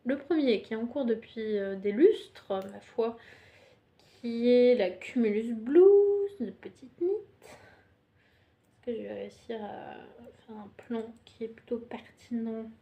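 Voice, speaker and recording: A woman's voice: a little high, lively intonation, slow pace, muffled recording. A young woman casually presenting her knitting projects on camera, hesitant and full of fillers, chatty and self-mocking. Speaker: knitting podcaster.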